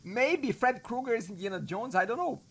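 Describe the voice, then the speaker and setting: A man's voice: extremely high pitch, expressive, moderate pace, husky. A man hosting a casual online video chat. He laughs often and restarts his phrases. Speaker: host.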